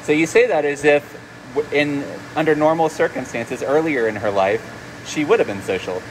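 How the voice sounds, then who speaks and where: A man with a slightly high voice speaks through a face mask, with some pump hum around him. He co-hosts casually, relaying questions and guesses in an educational live talk. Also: moderate pace. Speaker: co-host relaying viewers' guesses. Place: noisy indoor aquarium work room. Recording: noisy pump-filled room hum.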